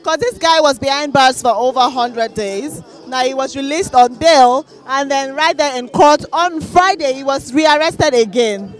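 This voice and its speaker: A woman's voice: high voice, normal speed, few pauses, soft background music. Young woman asking questions. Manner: probing, conversational questions. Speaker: street interviewer. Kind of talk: vox pop interviewing. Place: busy city street outdoors. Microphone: handheld mic.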